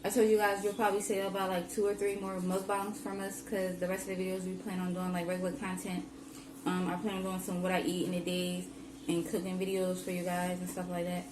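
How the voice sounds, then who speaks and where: A woman's voice: fairly low pitch, fairly quick. A young woman hosting a vlog, chatting casually to camera with lots of "like" and "um" fillers. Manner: chatty, rambling, many "like" and "um" fillers. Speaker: vlogger host. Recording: roomy with steady background noise.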